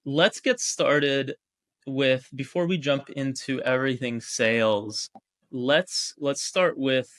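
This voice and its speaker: A man's voice: mid-range voice, takes it slowly, fairly bright tone, no room sound, clean studio sound. A man hosting a podcast, introducing and questioning his guest in an easygoing way with many "uh"s and "like"s. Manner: easygoing, with frequent "uh" and "like". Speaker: podcast host. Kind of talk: conversational interview.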